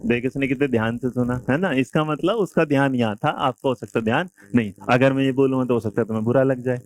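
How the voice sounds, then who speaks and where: A man's voice: medium pitch, fast talker. A male teacher from India giving a classroom lecture, quizzing and teasing his students. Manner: lively, quizzes and teases students.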